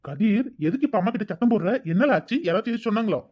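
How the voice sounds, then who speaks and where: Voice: medium pitch, lively intonation, racing, natural voice. A voice actor playing a protective, caring elder brother in a cartoon, coaxing and soothing. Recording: dull lo-fi recording.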